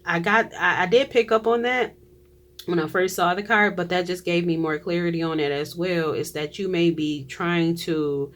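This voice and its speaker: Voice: mid-range voice, normal speed, fairly bright tone, a little hiss or hum. A tarot reader giving a casual reading to viewers, chatty, often trailing off and restarting, with frequent laughs.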